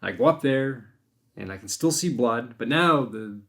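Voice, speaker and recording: A man's voice: mid-range voice, animated, a little slow. A man telling a hunting story on a podcast in a loose, rambling way. He restarts his sentences often and voices his own thoughts as he goes. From Maine. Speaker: podcast host and deer hunter. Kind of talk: casual storytelling chat.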